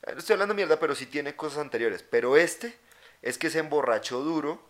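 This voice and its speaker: A young man co-hosting a podcast, telling stories in crude, animated slang. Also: a little high, a little fast. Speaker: podcast co-host. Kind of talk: casual chat.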